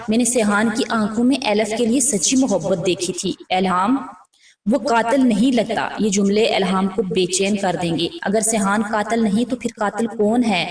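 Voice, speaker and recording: Female drama-review narrator; suspenseful, dramatic retelling, mic set back in a reverberant room. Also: medium pitch. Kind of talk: storytelling episode preview. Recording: roomy distant mic.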